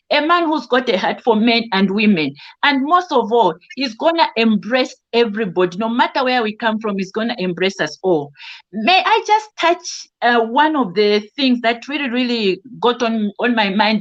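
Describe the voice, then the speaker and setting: Calling into an online discussion from her UK home, a Zambian woman offers sincere, casual testimony, often restarting and using fillers. Her voice sits on the high side with a fairly bright tone, heard through dull, lo-fi video call audio.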